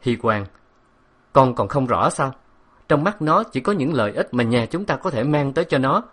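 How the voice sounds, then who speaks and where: A man's voice: medium pitch, animated, normal speed, fairly bright tone, voice pushed up. A man voicing a hurt, stern middle-aged father. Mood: urgent.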